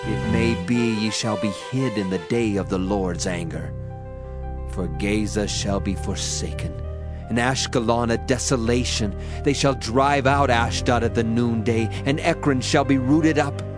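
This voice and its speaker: A man with a medium-pitched voice and measured pace gives a solemn, dramatized audio reading of the Bible in archaic English, with declamatory emphasis. Music plays in the background.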